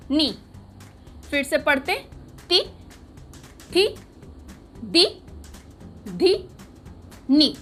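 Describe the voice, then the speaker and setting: A woman's voice: high-pitched, fairly bright tone. A woman teaching young children a writing lesson, patiently asking a question and repeating each sound.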